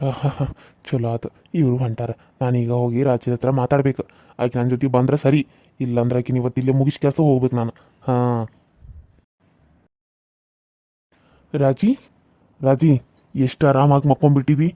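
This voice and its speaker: A man's voice: mid-range voice, flat delivery, mellow, dry recording, clean studio sound, lightly acted. A man voicing a menacing village man. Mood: scheming. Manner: taunting, threatening, mocking drawn-out laughs. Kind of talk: cartoon serial voice acting.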